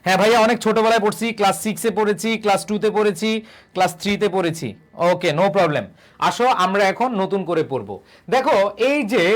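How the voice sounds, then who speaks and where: A young man gives a live online grammar lesson, repeating his own questions and answering them, and reading out viewer comments. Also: high-pitched. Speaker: online English tutor.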